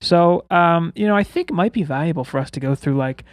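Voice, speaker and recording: A man's voice: a little high, a little fast, no room sound, clean studio sound. A man hosting a podcast in casual, chatty style, with whistling S sounds when he speaks. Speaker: podcast host.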